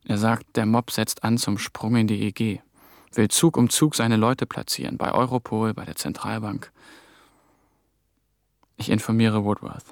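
A young adult male voice, on the low side, delivers lines flatly at a measured pace in a dry, clean studio recording. He is the narrating protagonist and lead actor of a radio drama, portraying a hunted, haunted, ambitious German intern on the run. The clipped phrasing sounds brooding and tense.

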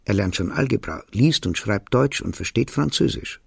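A man with a low, gravelly voice reading the lines of a proud father introducing his young son in an audiobook. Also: animated, moderate pace, no echo, studio quality, exaggerated voice.

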